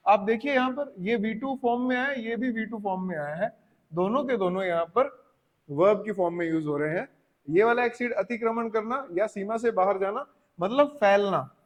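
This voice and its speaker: A man with an Indian accent teaching English vocabulary, explaining in Hindi, reading English examples slowly and asking his students rhetorical questions. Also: high-pitched. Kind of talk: classroom lesson. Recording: long reverb, echoey classroom.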